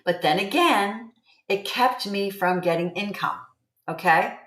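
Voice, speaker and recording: Her mid-range voice is fairly bright and a little slow as this seventy-something livestream host talks casually about online income, rambling and circling back to key phrases. The recording has a roomy, echoey quality.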